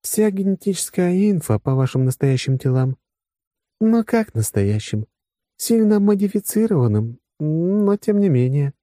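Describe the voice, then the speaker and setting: A man's voice: fairly high pitch, very animated, measured pace, dark tone, no room sound, clean studio sound, voice pushed up. A man voicing a young woman officer in an audiobook, teasing and touchy, flaring up over what she holds. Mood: matter-of-fact. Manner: teasing, flaring into possessive outbursts. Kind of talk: audiobook character voice.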